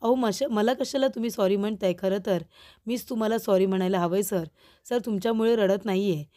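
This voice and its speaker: Woman reading teary young woman begging politely, mellow voice. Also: medium pitch, brisk, natural voice. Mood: pleading. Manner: pleading, polite. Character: young woman employee, tearful and pleading.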